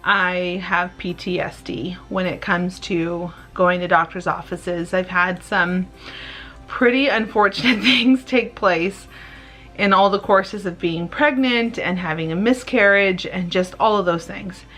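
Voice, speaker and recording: Woman in her late 30s vlogging, rambly and open, little laughs, bright tone. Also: lowish voice, unhurried, soft background music. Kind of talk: candid personal vlog.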